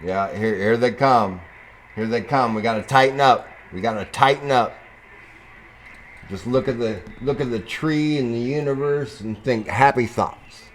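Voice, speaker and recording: A man casually commenting on his own football video game play, chatting to the game and breaking into sudden excited whoops. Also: mid-range voice, a little slow, a little hiss or hum. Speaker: gaming YouTuber.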